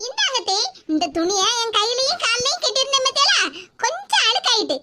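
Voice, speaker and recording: A voice actor playing a cunning young daughter-in-law in a cartoon, sly and teasing. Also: female voice, very high-pitched, sing-song. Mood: mocking triumph. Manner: sly and teasing, drawn-out mocking words. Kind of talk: cartoon voice acting. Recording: loud background hiss.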